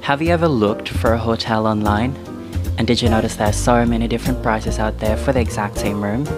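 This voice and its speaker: A man's voice: on the low side, a little fast, over music. A man in his twenties from the Philippines giving a scripted comic presentation straight to camera. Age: 20s. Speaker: comedy content creator. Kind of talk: scripted skit narration to camera.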